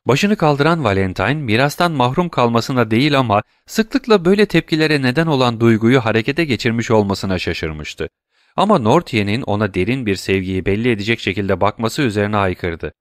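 A man reading a classic novel aloud in a measured, even narration. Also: medium pitch, no room sound, clean studio sound. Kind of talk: scripted narration.

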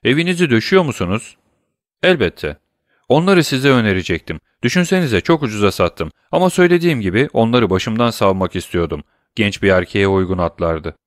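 A man's voice: on the low side, animated, brisk, dry recording, studio quality, lightly acted. A man voicing an anxious, greedy middle-aged banker who talks in a placating, excuse-making way. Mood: eager.

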